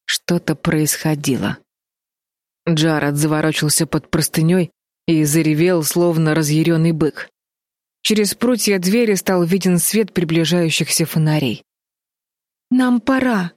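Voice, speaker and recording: Low-voiced woman reading a story. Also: steady tone, a little slow, darkish tone, no room sound, studio quality. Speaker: audiobook narrator. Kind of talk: scripted narration.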